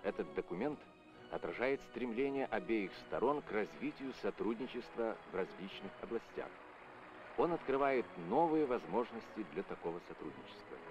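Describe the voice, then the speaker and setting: A man reading formal scripted narration in a measured official tone, as an old Soviet newsreel voice-over. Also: fairly low pitch, lively intonation. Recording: dull lo-fi old film soundtrack with music. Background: music.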